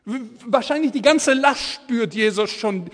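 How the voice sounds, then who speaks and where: Fervent high-voiced man preaching. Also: unhurried. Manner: fervent, excitable, lively storytelling. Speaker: evangelist preacher. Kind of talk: energetic sermon with Bible storytelling. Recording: echoey hall reverb.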